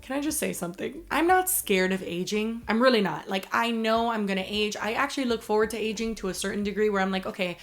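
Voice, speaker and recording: A woman in her twenties telling stories to camera in a casual, animated, rambling way, swearing freely. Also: medium pitch, fast, few pauses, soft background music. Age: 20s. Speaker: YouTube vlogger. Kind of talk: casual chatty storytelling Q&A to camera. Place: small furnished room indoors.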